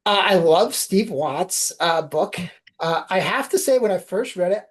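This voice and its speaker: A woman's voice: fairly low pitch, animated, measured pace. A woman guest on a podcast, telling reflective anecdotes in a casual interview.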